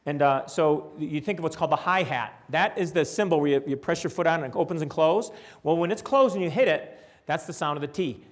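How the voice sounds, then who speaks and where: An older man leads a conference lecture in a hall, his voice sitting noticeably high for a man. He is animated and keeps breaking off to demonstrate speech sounds aloud. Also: a little fast. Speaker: presenter.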